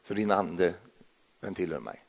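A preacher voicing the Lord, soft and gentle. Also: male voice, low-pitched, lively intonation, vocal fry, breathy edge, exaggerated voice. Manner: soft, slow, quietly questioning. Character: the Lord, gentle calm male voice. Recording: muffled, dull recording.

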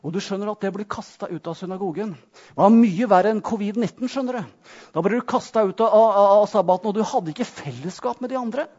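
Fervent high-voiced male preacher. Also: darkish tone. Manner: fervent, punctuates with amen and hallelujah. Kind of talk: sermon. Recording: dull lo-fi sound.

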